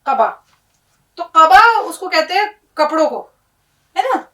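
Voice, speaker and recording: Female Urdu teacher, high voice, patient and explanatory, recorded a little away from the mic. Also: expressive, sharp tone, distant mic, poor audio. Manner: patient, explains each word and often asks "isn't it?". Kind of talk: teaching Urdu pronunciation on a board.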